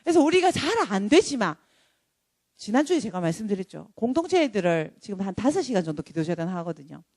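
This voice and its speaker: A woman preaching a sermon in a lively, joking way, now and then acting out dramatic voices. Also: medium pitch, fast talker, dry recording, studio quality. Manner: animated, jokey, acts out dramatic voices.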